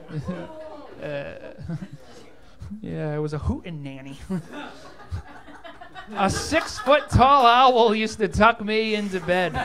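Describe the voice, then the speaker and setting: A man doing a deadpan stand-up comedy set on a comedy club stage. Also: high-pitched. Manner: deadpan absurd joke delivery. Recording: live club audience behind.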